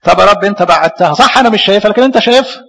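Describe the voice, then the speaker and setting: A man with an Egyptian Arabic accent preaching a sermon as a priest, lively, with many rhetorical questions. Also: sits high, very fast, creaky, in a large hall, poor audio.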